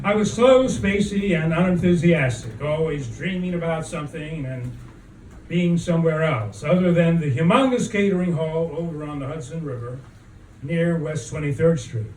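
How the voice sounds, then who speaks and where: A man reading a spoken-word story at an open mic, with a deliberate, halting, dramatic delivery and drawn-out pauses. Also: a little high, lively intonation, a little mellow. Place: echoing room at an open mic event. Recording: roomy, distant mic, faint background noise.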